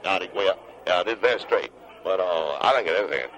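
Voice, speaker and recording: A man playing a gruff, touchy West Virginia senator with an Appalachian accent, blunt and indignant, in radio comedy. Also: deep voice, expressive, moderate pace, a bit bright, pitched below the performer's own voice, rough recording. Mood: gruff agreement. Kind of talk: satirical radio call-in character comedy.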